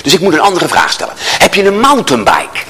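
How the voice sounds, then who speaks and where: A man's voice: high-pitched, fairly quick, crowd noise. A man giving an interactive workshop talk to a live audience, joking and telling stories as he coaches the room. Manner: animated, joking storyteller who addresses the audience. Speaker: workshop speaker. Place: large hall with an audience. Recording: long hall reverb.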